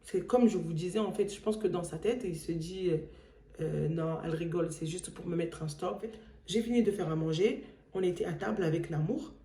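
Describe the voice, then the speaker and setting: A woman telling a casual storytime vlog, animated and acting out the voices she quotes. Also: lowish voice, fairly quick. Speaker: vlogger. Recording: echoey room.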